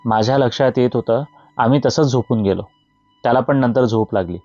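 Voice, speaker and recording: A man tells a horror story in a steady, measured narration. His voice is mellow and dark, recorded dry and a little dull. Faint music plays underneath. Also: mid-range voice, dry recording.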